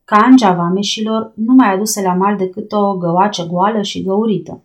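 A woman narrating an adventure audiobook aloud, voicing the dialogue and raising her voice for the shouted lines. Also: mid-range voice, steady tone.

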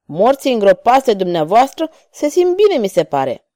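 A bold swordsman who taunts his enemies in polished, courtly phrases, voiced by a woman narrator. The lines swing widely in pitch and carry a mellow warmth. The sound is close and dry, like a storybook reading. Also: sing-song, dry recording. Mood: mocking. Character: bold mocking male cavalier swordsman.

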